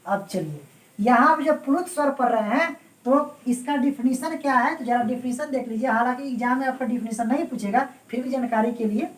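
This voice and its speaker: A woman's voice: high voice, fairly quick, far from the mic. Woman lecturing in an echoey room. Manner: repeats points and keeps checking understanding, addressing students fondly. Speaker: Hindi grammar teacher. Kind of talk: exam-prep classroom lecture. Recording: roomy echo, voice away from the mic.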